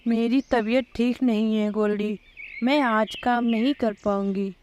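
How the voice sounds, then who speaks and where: A woman's voice: a little high, fairly even intonation, a little mellow, highs cut off, a little hiss or hum, lightly acted. A woman voicing a female bird who pleads with her friend and later forgives her. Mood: pleading.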